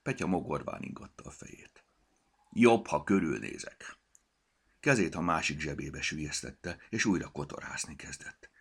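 A man reading a children's storybook aloud as narrator, with expressive delivery. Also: very deep voice, vocal fry, slightly rough.

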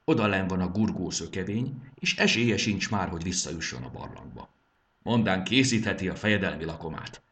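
Male narrator doing proud old hawk-lizard chieftain, greedy and scheming, deep lively voice, storybook. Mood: gloating. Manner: scheming, then pained inner voice.

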